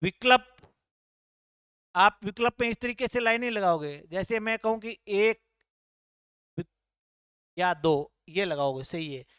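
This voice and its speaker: A man's voice: high-pitched, lively intonation, unhurried, long pauses, fairly bright tone, clear, resonant tone, dry recording. A man teaching a grammar class, explaining patiently and repeating key points as he points to the board.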